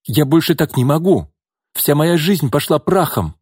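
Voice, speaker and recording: A man's voice: expressive, normal speed, darkish tone, breathy edge, no room sound, clean studio sound. A man doing a desperate jilted woman. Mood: distraught. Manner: shrill, pleading, emotional outbursts.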